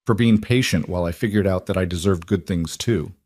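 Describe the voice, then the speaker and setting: A man's voice: deep voice, brisk, darkish tone, no room sound, clean studio sound. A man voicing a nervous but heartfelt man proposing, speaking tenderly in a storybook reading. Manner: earnest, tender.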